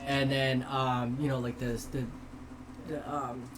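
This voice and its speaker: A man's voice: medium pitch, flat delivery, slow pace, very noisy. A man narrating a tabletop game as game master, hesitant with many fillers. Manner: hesitant, many ums and restarts.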